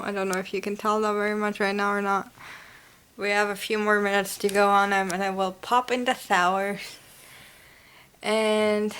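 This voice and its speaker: A woman's voice: mid-range voice, clear, resonant tone. A young woman vlogging casually at home, chatty and rambling, often correcting herself. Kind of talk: casual home vlog chat.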